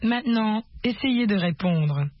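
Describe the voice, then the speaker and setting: Woman, language course narrator, measured and explanatory, dull lo-fi tape. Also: medium pitch, animated. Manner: measured, explanatory, models phrases in two languages. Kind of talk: instructional narration.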